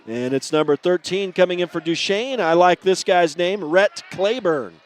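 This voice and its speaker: A man calling a high school basketball game play-by-play, chatty and often correcting himself on air. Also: normal speed. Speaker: play-by-play announcer.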